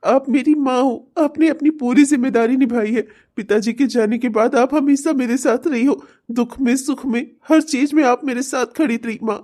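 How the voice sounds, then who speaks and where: A woman's voice: high voice, fairly even intonation, normal speed, few pauses, darkish tone. A woman voicing a devoted young son in a cartoon, anxious, pleading and tearful. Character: devoted young adult son Nikhil, emotional. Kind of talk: cartoon voice acting.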